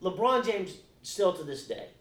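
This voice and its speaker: A man's voice: sits high, a little slow. Blunt, swearing man in an echoey room. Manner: blunt, profane, animated, with laughs. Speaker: podcast co-host. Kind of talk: casual sports debate.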